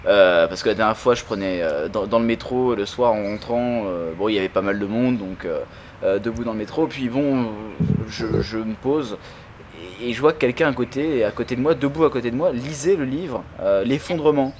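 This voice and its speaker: A man's voice: medium pitch, moderate pace. Chatty man hosting a gaming podcast. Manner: chatty, laughing, rambling anecdotes. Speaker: podcast host. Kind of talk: casual chat.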